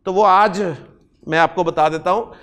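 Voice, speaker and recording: Guy teaching arabic grammar class, smooth voice, asks a question then answers it himself, slows way down on the arabic words. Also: high voice, steady tone, fairly bright tone. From Pakistan. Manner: explains step by step, asks and answers his own questions. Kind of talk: classroom lecture.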